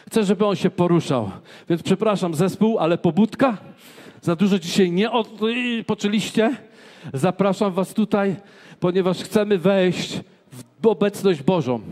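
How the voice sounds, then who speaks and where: A man preaching a charismatic church sermon, swinging from loud proclaiming shouts to quiet prayer. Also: fairly high pitch. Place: church service with a band.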